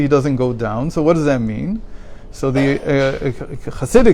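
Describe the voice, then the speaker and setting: A man with a somewhat high voice leads a daily text class. He reads passages, translates them, and explains them in a measured way. He often asks questions and then answers them himself. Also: darkish tone. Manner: explanatory, poses rhetorical questions. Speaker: teacher.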